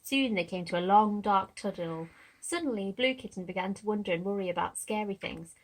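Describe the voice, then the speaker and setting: Storybook narrator, woman, husky mid-pitched voice, gentle and engaging for kids. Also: fairly quick, poor audio. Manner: gentle, asks young listeners to look at the pictures. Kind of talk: read-aloud of a children's picture book.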